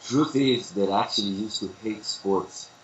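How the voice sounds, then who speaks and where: A man from Israel with an Israeli accent, a guest in a conversational interview, recounting his story in an unhurried way with plenty of fillers. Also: lowish voice, roomy sound, highs cut off, slight background noise. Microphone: video call.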